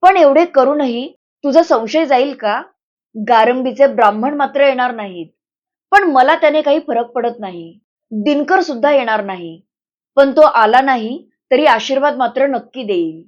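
A woman's voice: high voice, lively intonation, moderate pace. A woman reading the lines of a strong-willed village man who speaks firmly and reassuringly, on a slightly dull recording. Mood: firm, tender.

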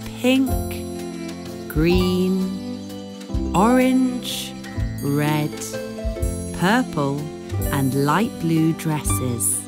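A woman narrating a children's story at a slow, unhurried pace. Her pitch rises and falls a lot, gentle and expressive, made for young listeners. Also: music in the background.

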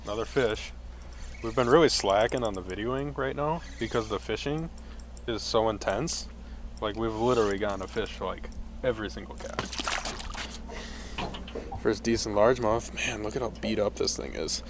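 Young man, low-ish voice, casual fishing vlog, outdoors on a lake, faint background noise. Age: young adult. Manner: upbeat, chatty, fast running commentary. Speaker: fishing vlogger. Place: small boat on a lake, outdoors.

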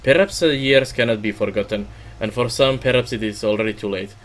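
A middle-aged man doing a let's play, reading game text aloud haltingly with casual commentary. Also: on the low side. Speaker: gaming let's player.

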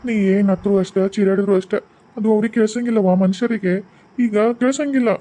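A man's voice: sits high, quick pace, mellow. A man voicing a protective ghost father in a cartoon, reassuring in a North Karnataka Kannada accent. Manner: reassuring, firm.

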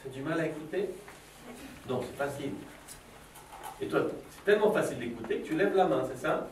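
A middle-aged man with a fairly high, expressive, somewhat mellow voice and a fairly quick pace leads a philosophy workshop for children. In a school classroom, he questions the class Socratically with playful, probing, teasing prompts. The recording sounds roomy and distant over faint background noise.

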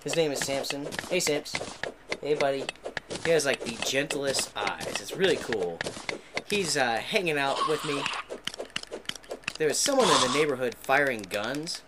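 Chatty man with a lively voice. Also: medium pitch, moderate pace, very noisy. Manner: chatty, rambling, easily excited. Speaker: gaming channel host. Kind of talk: casual let's-play commentary.

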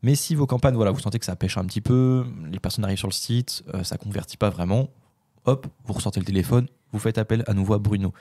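Male podcast co-host, deep dark voice with gravel, rambling filler-heavy chat, dry close sound. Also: fast talker, no room sound. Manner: rambling, many filler words.

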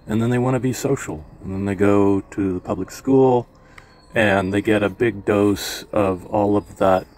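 Older male storyteller, deep-voiced, loose and rambling delivery. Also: fairly even intonation, normal speed, darkish tone. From California. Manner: rambling, many fillers and restarts. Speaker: memoir vlogger. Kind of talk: casual personal storytelling.

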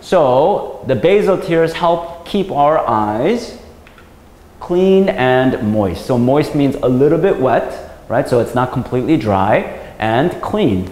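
A man's voice: mid-range voice, very animated, slow pace, darkish tone. A man giving a patient science lesson for children, checking often with "right?" as he explains. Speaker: English teacher. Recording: roomy recording with long reverb.

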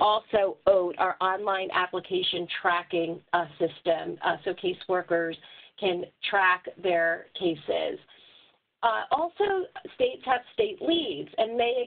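A woman giving an informational webinar presentation in a hesitant, explanatory way as its moderator. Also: medium pitch. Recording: muffled, narrow phone-like line.

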